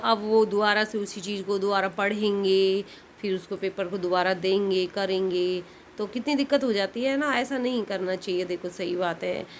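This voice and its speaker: A woman's voice: mid-range voice, slight background noise. Chatty Indian woman vlogging from her kitchen. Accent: Indian Hindi. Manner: chatty, repetitive, thinks aloud with restarts. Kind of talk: casual home vlog chat while cooking and cleaning. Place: home kitchen.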